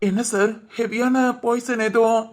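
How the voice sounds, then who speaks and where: A woman's voice: on the high side, steady tone, moderate pace, a little mellow, lightly acted. A woman voicing a soothing young male friend. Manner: soothing, reassuring. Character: young man, comforting loyal friend. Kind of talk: Tamil cartoon drama voice acting.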